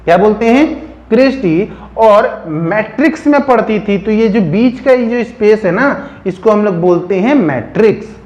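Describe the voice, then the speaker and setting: A man's voice: sits high, expressive, normal speed, darkish tone, reverberant, muffled recording. A man teaching biology, telling a story as a memory trick and often asking questions that he answers himself. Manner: asks the listener questions and answers them himself; keeps checking in with "theek hai". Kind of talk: storytelling mnemonic lesson.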